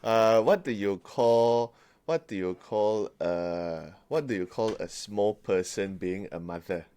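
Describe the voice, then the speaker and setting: A man's voice: lowish voice, expressive, slow, warm tone, clean tone. A man co-hosting a ghost-story podcast, chatting casually, dropping "lah" into his sentences and laughing at his own jokes. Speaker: podcast co-host.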